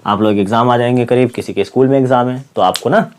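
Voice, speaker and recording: A male science teacher giving a classroom-style chemistry lesson with a sore, slightly hoarse throat. He asks his students questions, answers them himself, and keeps repeating the key words. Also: medium pitch, quick pace. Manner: repeats key words and calls listeners "kids" and "brother".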